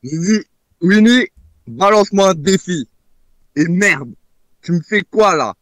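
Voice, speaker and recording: A man's voice: high voice, animated, unhurried, a bit bright, dry recording. A young man rapping a taunting, punchline-heavy clash verse as a battle contestant.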